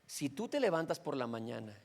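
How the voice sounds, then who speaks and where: A man's voice: mid-range voice, very animated, fairly quick, creaky. A male pastor with a Mexican Spanish accent, preaching a sermon in a conversational way and often checking in with his listeners.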